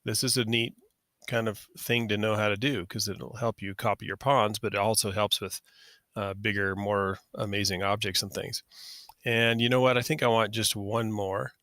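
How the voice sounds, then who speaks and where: Male screen-tutorial instructor, lowish bright voice, casual and methodical, dry close recording. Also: flat delivery, normal speed, no room sound. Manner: casual, talks through each click, self-correcting. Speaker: software instructor.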